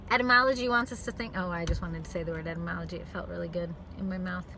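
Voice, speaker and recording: A woman's voice: on the low side, steady tone, rapid-fire, noisy background. A woman songwriter talking to her camera in a car, rambling and playful, often stopping to rethink what she means. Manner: chatty, self-interrupting, playful. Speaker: songwriter vlogger. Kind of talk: rambling reflective monologue. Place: in a parked car.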